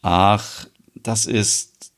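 A man's voice: fairly low pitch, steady tone, very slow, fairly bright tone. Matter-of-fact young woman, read by a man, patient and explaining, storybook reading.

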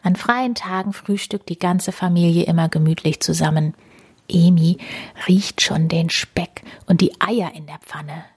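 A woman hosting and reading a storybook aloud to children in an animated, kid-friendly manner. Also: on the low side, unhurried, breathy edge, dry recording, studio quality. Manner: warm, animated storytelling for kids.

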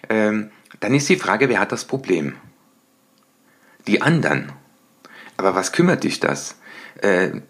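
A middle-aged man hosting a motivational podcast, talking lively and acting out little everyday scenes in changing voices. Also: lowish voice. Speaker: podcast host and coach.

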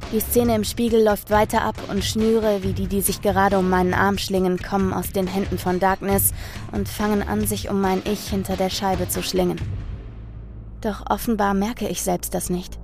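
Woman narrator for first-person horror, tense and dramatic, mid-pitched, quiet music underneath.

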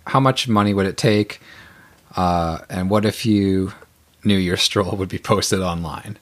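A man's voice: low voice, a little slow. A man co-hosting a podcast, joking casually and reading questions aloud. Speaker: podcast co-host. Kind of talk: casual comedic chat.

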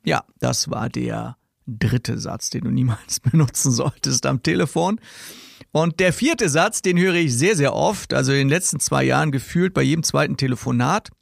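A man's voice: mid-range voice, normal speed, gravelly, no room sound, studio quality. A man hosting a podcast as a sales trainer, talking casually and directly, laughing as he mocks stock sales phrases.

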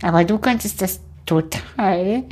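A woman's voice: medium pitch, unhurried, a little mellow. Hesitant woman in casual talk. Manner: hesitant, with frequent fillers and restarts. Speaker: stage speaker. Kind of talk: casual conversation.

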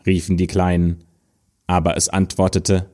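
A man reading an old fairy tale aloud in a storytelling style. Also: low-pitched. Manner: slow, lively storytelling, raising his voice for quoted figures.

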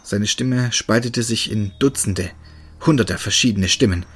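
A man narrates a scripted first-person horror story in a steady, tense voice. His tone sits fairly low and sounds husky, with faint music underneath. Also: measured pace.

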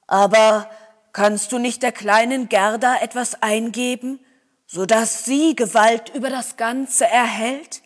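A woman's voice: a little high, steady tone, slow pace, big-room sound. A woman reading aloud and voicing a loyal reindeer in a storybook, earnest and pleading.

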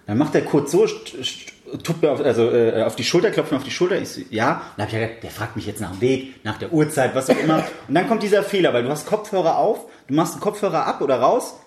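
A man's voice: mid-range voice, a little mellow, slight background noise. A young man in casual chat who tells a funny story with energy, acting out the dialogue and laughing often. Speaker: podcast co-host. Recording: roomy echo.

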